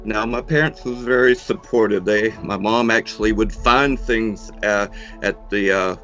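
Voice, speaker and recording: A middle-aged man in a casual interview, talking in an unhurried, folksy way with dry humour, as a horror host. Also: on the low side, a bit bright, soft background music. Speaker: horror host and monster museum owner being interviewed.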